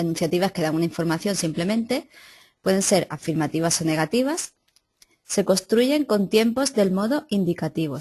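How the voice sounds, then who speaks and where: Lady teacher, lowish voice, explains grammar step by step, restarts a bit. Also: a little mellow. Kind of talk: classroom grammar lesson. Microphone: recorded class.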